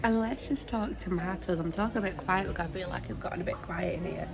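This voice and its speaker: With a low-leaning, creaky voice, a young British woman talks fast in a casual vlog at home, rambling and saying um a lot into a phone camera held at arm's length. The phone video recording from the United Kingdom has a noisy crowd behind her.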